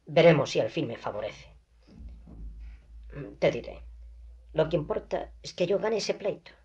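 A reader with a medium-pitched, husky, slightly mellow voice speaks at a measured pace but with great animation. They voice a proud young woman in poverty who is desperate, pleading and agitated. It's an audiobook reading on a dull, lo-fi recording.

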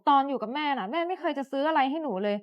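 A woman acts in comedy skits with a pleading, demanding way of talking. Her voice is very high. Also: lively intonation, racing, lo-fi sound. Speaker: skit performer. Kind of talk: comedy skit acting.

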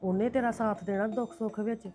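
Woman, Punjabi accent, mellow dark tone, calm and reassuring, faint music behind. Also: on the high side, quick pace. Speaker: ailing sister-in-law in drama. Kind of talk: Punjabi family drama acting.

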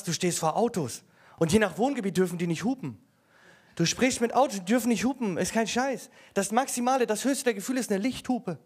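Brash, lively male stand-up comic. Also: high-pitched, husky. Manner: brash, slangy storytelling. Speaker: stand-up comedian. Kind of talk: stand-up comedy set. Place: comedy stage. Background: audience laughter.

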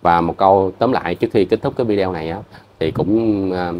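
A man's voice: low voice, brisk, highs cut off. A man with a Southern Vietnamese accent, addressing his viewers in a heated commentary rant. He scolds bluntly and repeats himself. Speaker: vlogger.

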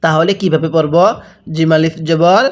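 A man teaching Quran reading, spelling out letters and drawing out syllables slowly, and repeatedly prompting the learner to read along. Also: fairly high pitch, fairly even intonation. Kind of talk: spelled-out recitation lesson.

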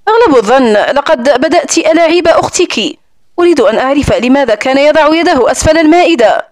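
A woman's voice: high-pitched, expressive, quick pace, darkish tone, dry recording, clean studio sound. A woman reading the part of a stern, sarcastic wealthy man who owns an island estate, speaking coldly and mockingly. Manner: cold, mocking.

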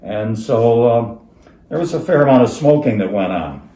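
A retired American teacher in his seventies reminisces informally in a recorded talk to students, speaking haltingly with frequent pauses and slightly muffled by a face mask. His voice is medium-pitched and warm with lively intonation. He's in the dining room of a historic house, recorded by a camera across a table, with a roomy indoor echo.

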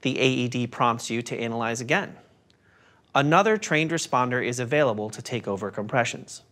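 A man narrating a scripted first-aid lesson in a calm, step-by-step instructive manner. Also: mid-range voice, a little fast.

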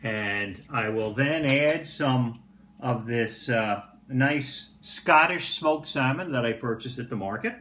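An older man chats easily at a mid-range pitch while he makes breakfast, filling his pauses with "uh". His voice rings around a roomy home kitchen, picked up by a camera on the table, with a faint hum behind it. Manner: relaxed, chatty, frequent "uh" fillers. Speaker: pipe-smoking home cooking vlogger. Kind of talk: casual home cooking demonstration. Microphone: phone or camera on the table.

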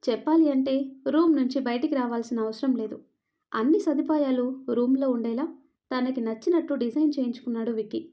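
A woman telling a romance story as scripted narration, with an even, expressive storytelling manner. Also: high voice, brisk. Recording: dull lo-fi narration recording.

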